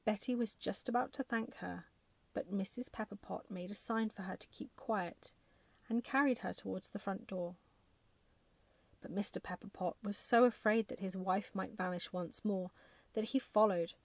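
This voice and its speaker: A woman narrating a bedtime story in a soft, gentle, measured ASMR style. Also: mid-range voice, no room sound.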